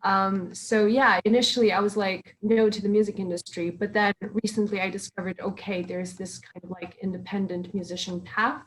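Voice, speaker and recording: A woman's voice: medium pitch, steady tone, normal speed, few pauses, rough recording. A young woman who grew up in Serbia and China, answering interview questions in a chatty, hesitant way with lots of fillers. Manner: chatty and hesitant, many fillers, laughs often. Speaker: musician guest.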